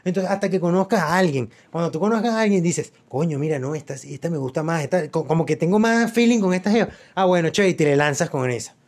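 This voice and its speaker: A man's voice: on the high side, fast, few pauses, darkish tone. A young Venezuelan man telling stories in a loose, slangy casual chat, full of fillers and repeats. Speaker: podcast co-host.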